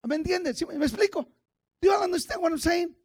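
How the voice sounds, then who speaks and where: Fervent gravelly high-voiced pastor. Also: male voice, expressive, fairly quick. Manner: fervent preaching, swings from quiet asides to shouted exhortation. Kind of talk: bilingual Christmas sermon.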